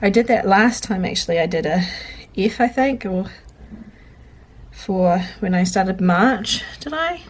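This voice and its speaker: Sniffly and a bit congested, this woman narrates her journaling in real time with an animated, mid-range voice, unhurried and full of pauses. As a journaling vlogger she rambles, cuts herself off to fix things, and talks to herself mid-task, over faint clicking and background noise.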